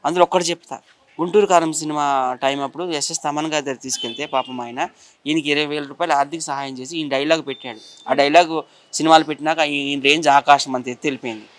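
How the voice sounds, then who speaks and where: A man's voice: on the high side, steady tone, quick pace, fairly bright tone. A man from Visakhapatnam giving an indignant, insistent account in an interview. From Visakhapatnam, India. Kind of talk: heated complaint in an interview.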